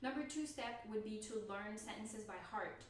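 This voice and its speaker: A woman's voice: mid-range voice, normal speed, very echoey, far from the mic, slight background noise. A woman vlogger talking casually about learning to pronounce a language, laughing often and restarting her sentences; her first language is an Indo-European one. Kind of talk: casual talk to camera.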